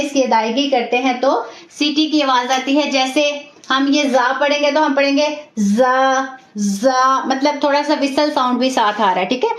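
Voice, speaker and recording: A woman teaching a recitation class, patiently repeating each word slowly and often checking in with her students. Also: high voice. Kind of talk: online class lesson, slow repetition drills. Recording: roomy, dull lo-fi audio.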